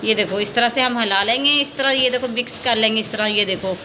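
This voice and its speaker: Woman w/ doing a kitchen recipe vid, high voice, chatty, keeps going "look at this". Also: brisk, background noise. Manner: chatty, keeps pointing things out step by step. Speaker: home cooking vlogger. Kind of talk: casual cooking demonstration.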